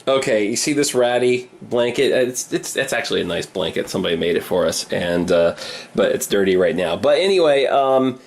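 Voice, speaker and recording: Low-voiced man chatting casually and haltingly. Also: expressive, gravelly. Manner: informal, halting, self-deprecating. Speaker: podcast host. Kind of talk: casual behind-the-scenes vlog chat. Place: hallway of an old high-ceilinged apartment.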